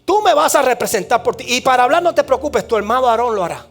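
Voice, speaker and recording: A preacher voicing the Lord, calm and firm. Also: male voice, very high-pitched, fast, faint music behind, voice pushed up, heavily acted. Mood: reassuring. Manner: firm, reassuring, commanding. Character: the Lord, calm reassuring divine voice.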